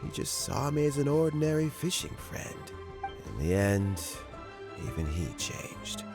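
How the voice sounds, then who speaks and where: An actor playing a weary, courteous, principled older statesman in a video game, measured and gravelly. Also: mid-range voice, big pitch swings, over music. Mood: rueful, reflective.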